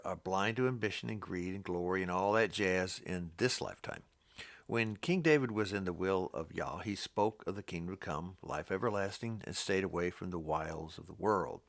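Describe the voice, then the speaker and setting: A man with a deep, low-pitched voice and a gravelly, creaky edge works through a Bible passage, stopping to comment as he goes. His delivery is halting and rambling, full of restarts and doubled words. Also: fairly bright tone. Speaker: Bible teacher.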